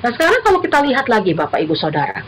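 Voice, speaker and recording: A woman's voice: a little high, huge pitch swings, rapid-fire, a bit bright, slight background noise, poor audio. A middle-aged woman, a university lecturer, giving an earnest church talk to the congregation. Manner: earnest, addresses listeners as brothers and sisters. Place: church service.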